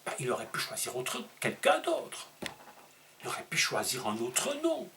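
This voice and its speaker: A man preaching a sermon, emphatic and teaching, asking rhetorical questions and leaping up in pitch on key words. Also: huge pitch swings, gravelly, bright, forceful tone, slight background noise. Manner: emphatic teaching tone with dramatic pitch leaps and slowed stressed words.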